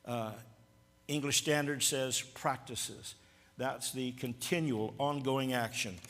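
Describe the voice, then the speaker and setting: A man's voice: mid-range voice, fairly even intonation, slow pace, a bit bright, long reverb tail. A man teaching a church Bible class, emphatic, pushing his voice up and down to stress his points.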